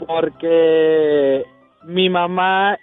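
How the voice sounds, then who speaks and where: A man's voice: on the high side, steady tone, extremely slow, smooth, no room sound, faint music behind. A young man from Monterrey, calling in to tell a story, hesitant with many fillers. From Monterrey, Mexico. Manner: hesitant, fillers, acts out quoted lines. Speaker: caller. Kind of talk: telling a story on a call-in show. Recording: tinny phone line.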